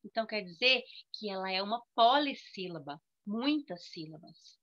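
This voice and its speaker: A woman's voice: mid-range voice, lively intonation, normal speed, fairly bright tone. A woman, teaching young children in an online class. She patiently stretches each word out syllable by syllable. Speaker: primary school teacher. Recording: dull, lo-fi video call audio.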